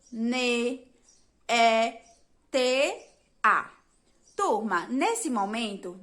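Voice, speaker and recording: A woman from Brazil teaches young children in a recorded remote lesson. Her voice is high and bright, and she takes her time. She speaks straight to the class and breaks words into slow, clear syllables. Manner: addresses the class directly. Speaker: primary school teacher. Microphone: video lesson recording.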